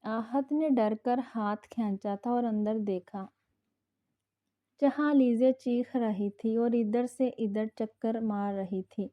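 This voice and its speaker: A woman reading a romance novel aloud as scripted narration, in a measured storytelling manner. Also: on the high side, highs cut off.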